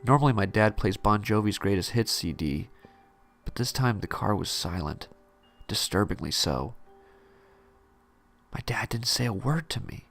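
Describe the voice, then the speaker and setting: A man narrating a parody horror story in a deadpan first-person telling. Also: lowish voice, moderate pace, long pauses, faint music behind.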